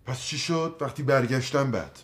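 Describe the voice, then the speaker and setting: An actor playing a flustered young husband and doctor in a sitcom, defensive and pleading, lecturing when cornered. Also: male voice, mid-range voice, natural voice. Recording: roomy set with faint noise.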